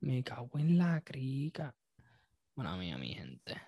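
A man's voice: mid-range voice, huge pitch swings, slow pace, husky, no echo, lo-fi sound. A man with a Puerto Rican Spanish accent hosting a casual podcast, reacting loosely and profanely and laughing often. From Puerto Rico. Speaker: podcast host.

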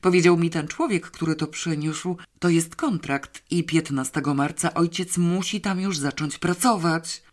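An audiobook reader voicing an earnest, excitable young girl who often whispers. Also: medium pitch, moderate pace, hardly any pauses, lightly acted. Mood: thrilled. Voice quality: breathy, whispering at times. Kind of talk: audiobook character voice.

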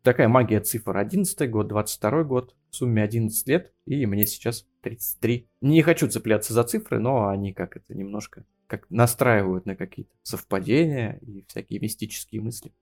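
A man's voice: on the low side, brisk, vocal fry, few pauses, darkish tone, soft background music. A man in his thirties from Russia, a geography teacher talking as a podcast guest, hesitant and full of fillers. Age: 30s. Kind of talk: casual interview.

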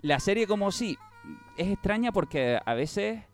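Animated man chatting about series. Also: high-pitched, a little slow, faint music behind. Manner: animated storyteller, acts out quoted lines. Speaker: podcast host. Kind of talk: casual chat about streaming series.

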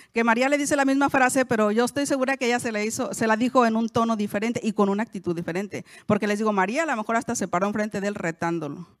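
A woman's voice: medium pitch, no echo, studio quality. A woman, hosting a podcast and teaching the Bible to women in a conversational way, often asking her listeners questions and correcting herself as she goes.

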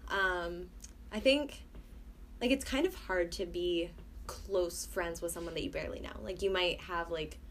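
A woman's voice: lowish voice, a little slow, slight background noise. A teenage girl chatting as a podcast guest, rambling with fillers and laughing often. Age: high school student. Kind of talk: casual chat.

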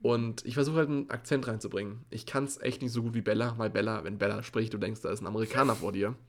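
A man's voice: lowish voice, steady tone, quick pace. A teenage boy co-hosting a casual podcast, rambling through school anecdotes with lots of fillers. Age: teens. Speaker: podcast co-host, school student.

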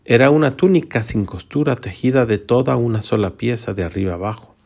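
A man reading a Gospel passage aloud in a measured, solemn liturgical style. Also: mid-range voice, vocal fry, darkish tone. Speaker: scripture reader.

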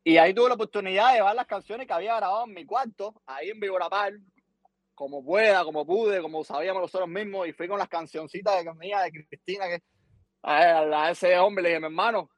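A man's voice: sits high, fast, dry recording. A middle-aged Cuban man telling a long story on a podcast, repeating words and acting out what people said to him. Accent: Cuban Spanish. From Cuba. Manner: animated, repeats words, acts out quotes. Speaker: guest musician.

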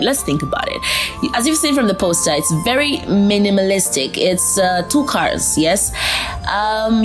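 A young woman with a Zambian accent talks as the host of a casual solo podcast. Her voice sits at a medium pitch and her delivery is informal and chatty. Faint music plays along with her speech. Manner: chatty, informal, slips between English and a local language.

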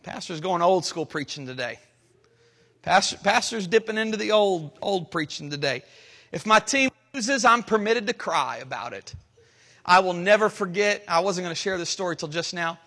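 A pastor in his thirties preaching a sermon, switching between loud shouts and quiet, low asides. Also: animated, normal speed. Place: church sanctuary. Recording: long reverb of a church hall.

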